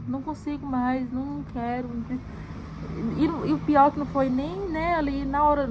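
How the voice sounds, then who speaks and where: Brazilian mom telling her story, kinda high voice, repeats herself a lot, little bit of hiss behind. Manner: repetitive, emotional, addresses viewers as "gente". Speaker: mother sharing her story. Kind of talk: emotional personal testimony.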